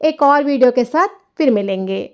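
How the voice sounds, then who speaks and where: High-voiced woman teaching slowly. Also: expressive, darkish tone. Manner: repeats each phrase slowly and clearly, explaining patiently. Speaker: language teacher. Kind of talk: slow, careful language lesson.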